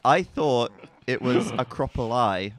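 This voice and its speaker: A man casting an esports match live, chatty and quick to laugh. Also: medium pitch, animated. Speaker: esports caster. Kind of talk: live game commentary. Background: faint background music.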